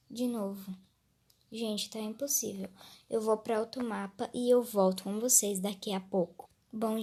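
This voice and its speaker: A woman's voice: a little high, darkish tone, slightly rough. A woman with a Brazilian accent giving nervous, jumpy let's play commentary, often dropping to a whisper. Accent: Brazilian Portuguese. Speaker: gaming youtuber.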